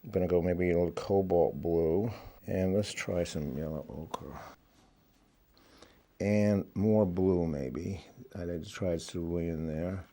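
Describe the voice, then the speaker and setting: A man giving a relaxed watercolour painting demonstration, thinking aloud as he works. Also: sits low, unhurried. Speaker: watercolour instructor.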